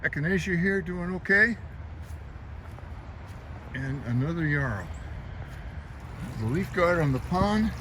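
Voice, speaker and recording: A man's voice: on the high side, lively intonation, takes it slowly, pauses often, sharp tone. An American man giving a casual, plainspoken garden vlog, explaining things informally as he goes. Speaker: garden vlogger. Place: outdoors in a home garden. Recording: noisy outdoor recording with traffic. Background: traffic and outdoor ambience.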